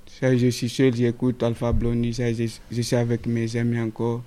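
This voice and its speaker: A sixteen-year-old young man from Guinea whose first language is Fula, answering radio interview questions in a halting way, searching for words and repeating himself. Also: mid-range voice, completely flat delivery, warm tone. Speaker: student guest.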